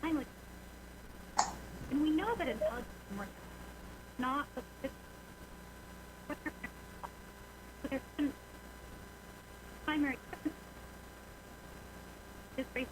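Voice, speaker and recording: High-voiced woman on a glitchy call that keeps stuttering and cutting out, noisy line, earnest public comment. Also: slow pace, pauses often. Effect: choppy breaking-up call audio that stutters and drops words. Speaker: citizen speaker at a public meeting. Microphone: remote call connection.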